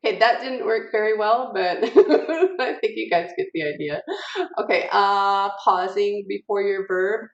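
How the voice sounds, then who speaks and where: A woman teacher gives a recorded lecture in an informal style packed with fillers, reading example sentences aloud to demonstrate word stress. Her mid-range voice moves at a measured pace. The audio is roomy, distant and dull.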